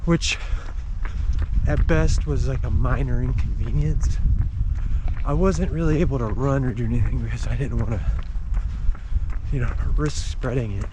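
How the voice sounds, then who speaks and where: A man giving a casual update while jogging outdoors, speaking in short broken phrases with pauses. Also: mid-range voice. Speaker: vlogger. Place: outdoors, on the move while running. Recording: noisy outdoor recording with ambient sound.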